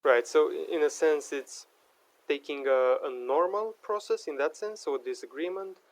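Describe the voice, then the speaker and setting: A young man hosts a podcast interview, hesitating often with frequent fillers and restarts. His voice is a little high at a normal speed, and the recording is rough, with no room sound.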